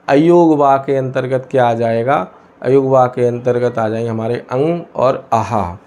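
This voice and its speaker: Hindi teacher, self-questioning lesson. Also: male voice, mid-range voice, darkish tone. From India. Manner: asks and answers his own questions, many hesitations. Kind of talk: explaining a lesson.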